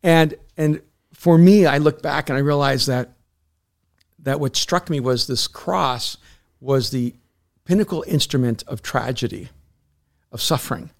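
With a mid-range voice and vocal fry, this middle-aged man from El Salvador speaks a little slowly and pauses often. A pastor and author, he joins a podcast as a guest and tells stories earnestly, frequently restarting, in a reflective, casual discussion.

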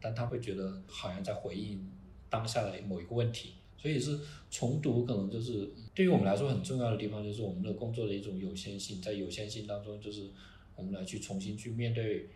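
Man, low voice, halting speech, roomy recording, faint noise. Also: mellow. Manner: halting, many restarts and fillers. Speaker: founder of an art organization. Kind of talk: casual podcast talk.

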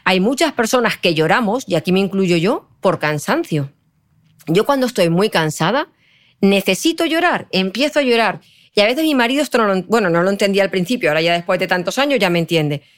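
A woman psychologist talks as a podcast guest. Her voice sits at a middling pitch. She explains at length, expressive and animated, and often checks that her listener is following. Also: fairly quick. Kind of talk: podcast interview conversation.

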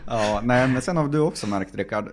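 A man's voice: mid-range voice, background noise. A man hosting a casual chat, chiming in with short remarks and follow-up questions.

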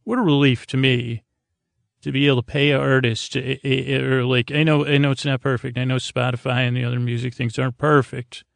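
With a level tone and medium pitch, an American man hosts a bedtime sleep podcast in a creaky, gravelly voice, recorded without echo. His monologue is meandering and halting, fading out and circling back.

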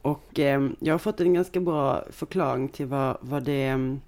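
A woman's voice: extremely low pitch, a little mellow. A woman hosting a Swedish podcast, asking her guest friendly, curious questions in a casual chat. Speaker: podcast host.

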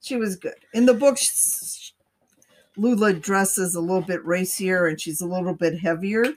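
Husky woman bluntly griping about a movie. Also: lowish voice, normal speed, a little mellow. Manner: blunt, exasperated complaining. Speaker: podcast co-host. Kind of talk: casual movie review chat.

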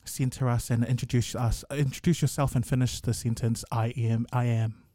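Mellow-voiced male podcast host. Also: medium pitch, little pitch movement, normal speed, no echo, clean studio sound. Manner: warm welcoming, many fillers. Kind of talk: podcast hosting.

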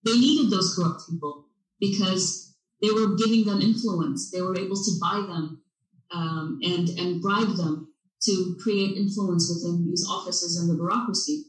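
A woman from Mosul, giving personal testimony in a soft, hesitant way with frequent restarts. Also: on the low side, fairly even intonation, a little slow. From Mosul, Iraq. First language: Arabic. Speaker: interviewee, witness. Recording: roomy, distant mic.

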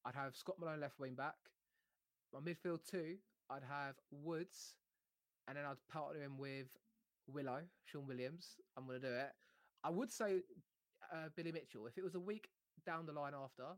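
A man's voice: on the high side, normal speed, no echo. A man hosting a casual football chat, giving opinions and reasoning them out aloud. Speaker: football podcast host.

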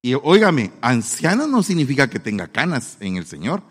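Male preacher, lively swooping pitch, playful sermon, long echo of a hall. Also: moderate pace, slightly rough. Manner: animated, acts out quoted voices. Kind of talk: sermon with humor.

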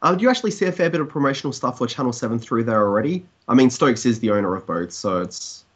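A man's voice: mid-range voice, expressive, fast, slightly rough, dull audio. An Australian man in casual discussion, giving his opinions in a conversational way peppered with "I mean". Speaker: TV industry commentator, blogger.

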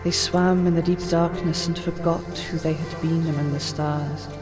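A woman voicing a calm female principal teacher who tells an old legend in a measured, gentle cadence. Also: low-pitched, over music, close to an everyday voice. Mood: storytelling. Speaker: teacher figure in an audiobook. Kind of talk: audiobook character reading.

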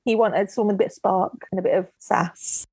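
Woman guest, lively storyteller, close dry mic. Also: medium pitch, brisk, breathy edge, no echo. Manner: lively storyteller who acts out quotes. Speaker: guest author and historian. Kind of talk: casual podcast interview.

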